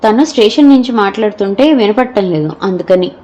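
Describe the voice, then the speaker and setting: A young wife from an audio novel, gentle and hurt, explaining herself in earnest, pleading tones, read by a woman narrator. Her voice sits at an ordinary middle pitch. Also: lively intonation, a little fast, lo-fi sound, close to an everyday voice.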